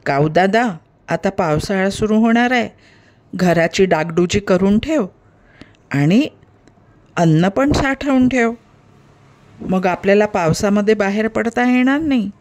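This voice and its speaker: Woman playing a sensible mother sparrow, raised bright voice, storybook. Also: mid-range voice, animated, unhurried, pauses often, close to an everyday voice. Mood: motherly. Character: busy caring mother sparrow, hardworking and sensible.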